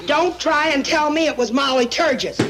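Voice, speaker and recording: A scolding old country wife in a sixties TV comedy. Her high voice has a folksy rural American accent and a nagging edge. A loud audience and clear noise sit on the old soundtrack. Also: moderate pace, over a noisy crowd. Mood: scolding, coaxing. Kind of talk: 1960s television sitcom acting.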